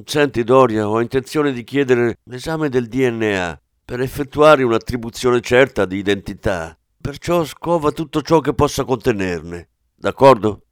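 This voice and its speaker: A blunt, brusque police commissioner, as a male narrator reads him, cutting in with lively swings of pitch. The voice sits close and dry, with no room around it. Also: normal speed, smooth, no room sound, close to an everyday voice. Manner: brusque, swearing.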